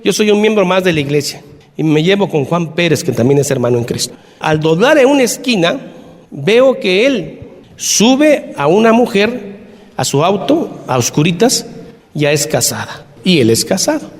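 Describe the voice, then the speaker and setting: A man preaching a sermon, animated, shifting between loud emphasis and quiet asides. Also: sits high, moderate pace, big-room sound. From Mexico.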